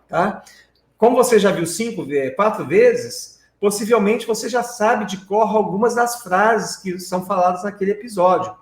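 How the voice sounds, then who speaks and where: A man's voice: high-pitched, roomy sound. A man with a Brazilian Portuguese accent, teaching a live-streamed lesson and explaining step by step while checking in with his viewers. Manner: explanatory, tag questions to viewers. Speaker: English teacher.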